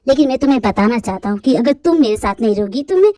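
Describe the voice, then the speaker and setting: A woman lowering her voice to play a lovesick young man in a home-made fan audio drama. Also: expressive, fast talker, warm tone, no echo, close to an everyday voice. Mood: earnest. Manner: pleading, earnest.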